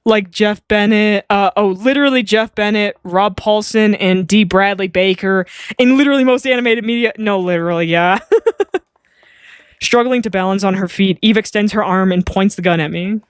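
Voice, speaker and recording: A woman's voice: medium pitch, moderate pace, clean tone, dry recording, studio quality. A woman streaming a game, chatting in a rambling, giggly way and swearing freely. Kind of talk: live-stream game commentary.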